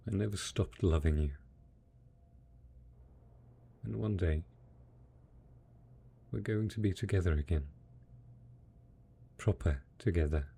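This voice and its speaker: With a low, husky rasp, a man acts out a devoted survivor in an intimate post-apocalyptic audio roleplay, gently and slowly coaxing a beloved spouse with stubborn hope. His mellow performance is heavily acted, and the mood is tender and wistful.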